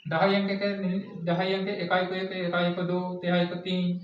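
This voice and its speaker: A man's voice: high voice, completely flat delivery, normal speed. A male teacher drilling a math lesson, asking questions and answering them himself in a repetitive classroom style. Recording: echoey distant lo-fi classroom recording.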